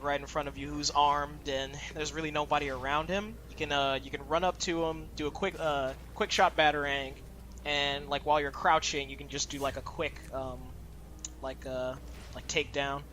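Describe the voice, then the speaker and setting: A man's voice: on the high side, steady tone, moderate pace, a bit bright, slight background noise. A man hosting a let's play, giving loose, chatty commentary full of "like" fillers. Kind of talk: casual gameplay commentary.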